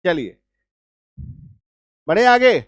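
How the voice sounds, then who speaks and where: A male teacher explaining English spelling rules, spelling out letters slowly and often asking whether the class has understood. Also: high voice, very animated, dry recording. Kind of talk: spoken spelling lesson.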